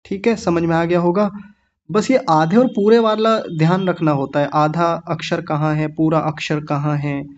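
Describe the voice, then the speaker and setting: A man teaching children how to pronounce Sanskrit words, patiently breaking each one into syllables and saying them very slowly. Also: on the high side, fairly even intonation, dull audio. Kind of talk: online lesson for children.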